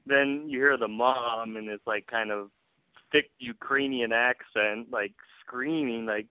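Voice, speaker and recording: A man's voice: medium pitch, steady tone, measured pace, smooth, dry recording. A man who hosts a podcast, chatting casually with his guest and laughing often as he retells the story, on a dull lo-fi recording. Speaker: podcast host. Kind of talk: casual interview chat.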